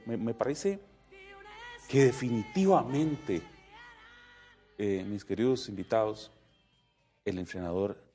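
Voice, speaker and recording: A man's voice: medium pitch, dark tone. A TV host leads a studio panel, speaking conversationally and addressing each guest directly. Faint music sits underneath his voice. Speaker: TV talk show host.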